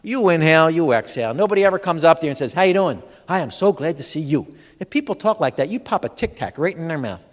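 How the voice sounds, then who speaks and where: Animated high-pitched comedian in a hall. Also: male voice, fast talker, hardly any pauses. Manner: animated storyteller, acts out dialogue, addresses audience. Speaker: comedian and humor educator. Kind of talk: stand-up comedy talk. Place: large expo hall before a live audience. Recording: long hall reverb.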